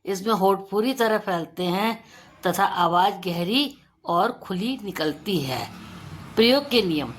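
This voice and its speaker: A woman teacher giving a pronunciation lesson for children, stretching out example words slowly and deliberately. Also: mid-range voice, lively intonation, a little hiss or hum. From India.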